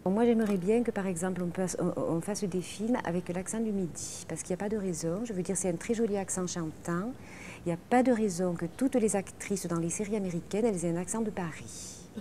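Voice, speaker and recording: Lively, slightly low-voiced French voice actress. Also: female voice, brisk, slight background noise. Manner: lively, chatty storyteller. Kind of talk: interview anecdotes.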